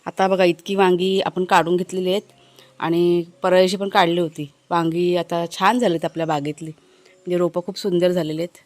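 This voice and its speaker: A woman's voice: fairly low pitch, level tone, brisk, faint music behind. A woman with a Konkan Marathi accent, chatting casually as she shows viewers around her village home and garden. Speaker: family vlogger. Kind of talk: casual village vlog narration.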